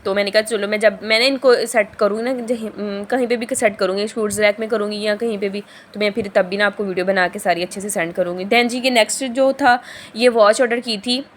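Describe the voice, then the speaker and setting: A young woman from Pakistan, a vlogger, chatting casually through a shopping haul in a hoarse, heavy voice from a sore throat, rambling and often correcting herself mid-sentence. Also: medium pitch, fairly even intonation, brisk, slight background noise.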